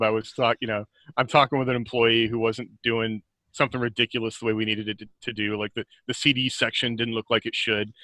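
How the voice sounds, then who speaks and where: Poor audio carries this middle-aged man's mid-range voice, pushed and bright, with no room sound. He's an author on a podcast musing casually about writing and life, repeatedly changing his sentences partway through.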